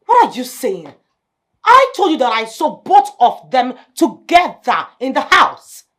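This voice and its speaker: A haughty scheming wife. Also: female voice, high voice, big pitch swings, a little slow, full character voice. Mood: scornful. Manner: mocking, sharp-tongued, rising to shouts. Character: scheming, haughty estranged wife, possessive and scornful. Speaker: estranged wife.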